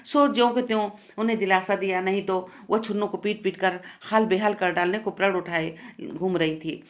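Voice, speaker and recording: A woman teacher reading a Hindi short story aloud for students, in a measured storytelling voice with small restarts. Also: medium pitch, steady tone.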